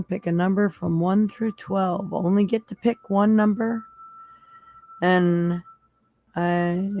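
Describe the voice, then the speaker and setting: The host of a live psychic tarot stream speaks in a fairly low, slightly mellow voice gone hoarse from losing it. She keeps things casual with her viewers, laughing frequently as they chat.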